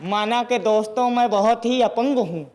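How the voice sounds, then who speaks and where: A man's voice: extremely high pitch, moderate pace, crowd noise. A man reciting humorous verse as a comic poet, repeating lines for effect. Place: stage show before a live audience. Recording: stage microphone with audience and background noise.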